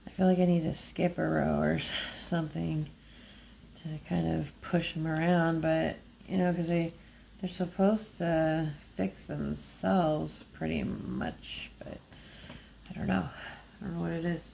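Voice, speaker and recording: Freshly awake, this woman rambles nasally over her diamond painting at a table indoors, dropping fillers and little laughs. She speaks a little slowly in a low, dark, steady voice with vocal fry, and there's slight background noise.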